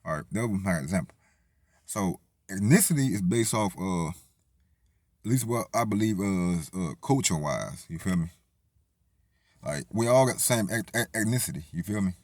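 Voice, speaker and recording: A man's voice: sits low, expressive, normal speed, long pauses, a little mellow, dry recording. A man from Tennessee, talking in a rambling, profane casual monologue full of restarts. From Tennessee, USA. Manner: rambling, profane, lots of restarts and "you feel me". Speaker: vlogger.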